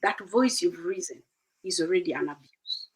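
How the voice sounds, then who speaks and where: A woman's voice: fairly low pitch, normal speed, poor audio. A middle-aged woman from Uganda, a guest in an interview, earnestly giving advice and acting out conversations with her children.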